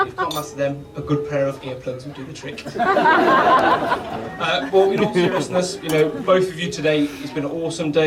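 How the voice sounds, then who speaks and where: British best man speaking over a noisy crowd. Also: on the high side. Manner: laddish, bantering. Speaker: best man giving a wedding speech. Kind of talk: informal joking wedding speech. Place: wedding reception, speaking to guests. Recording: distant mic, loud crowd and noise.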